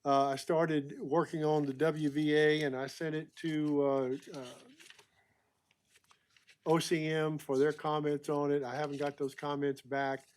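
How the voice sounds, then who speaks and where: A man presenting permit items at a public meeting, halting with many fillers and clearing his throat often. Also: on the high side, flat delivery.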